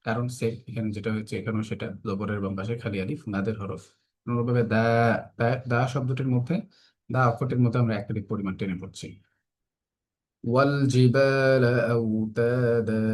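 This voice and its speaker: A man teaching a tajweed lesson for children, explaining the rules patiently step by step and reciting verses slowly with long drawn-out vowels. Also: mid-range voice.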